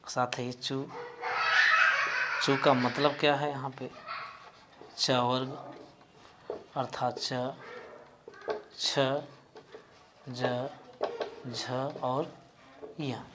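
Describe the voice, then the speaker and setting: Man, teacher, mid-pitched voice, slow and deliberate, spells out sounds, faint background hiss. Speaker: Sanskrit teacher. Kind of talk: explaining a grammar lesson.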